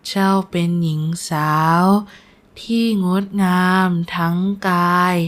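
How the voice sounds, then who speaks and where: A frail young nobleman with a soft, slightly lowered voice, speaking slowly and sincerely, as a woman puts him on. His manner is gentle and kind. This is a storybook folk tale. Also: little pitch movement.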